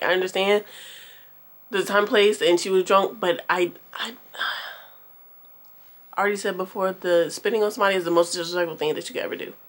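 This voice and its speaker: A young woman vlogger telling a storytime tale to her viewers, casual, animated and heavily profane. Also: medium pitch.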